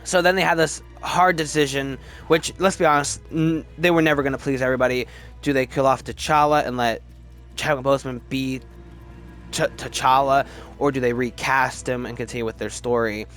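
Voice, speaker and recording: Faint music plays behind a man of medium pitch who speaks at normal speed with fairly even intonation and a slightly bright tone. Hosting a video that ranks films, he gives opinionated, casual commentary, emphatic and often stammering and repeating words.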